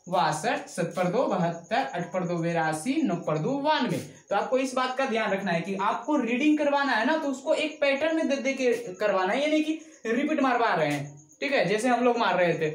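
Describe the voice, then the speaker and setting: In an echoey classroom, a woman with a fairly high voice teaches a math lesson. She counts numbers aloud at a steady pace and poses questions that she goes on to answer herself.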